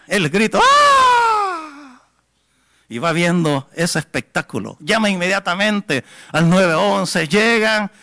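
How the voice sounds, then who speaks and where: A man preaching, telling a testimony in a dramatic storyteller's way that swells to near-shouts. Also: high voice. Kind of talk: sermon testimony.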